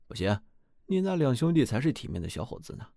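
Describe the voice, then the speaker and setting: A man voicing a stern, dismissive old father who scolds gruffly, in a storybook reading. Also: mid-range voice, very animated, fast, mellow, dry recording, clean studio sound. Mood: scolding.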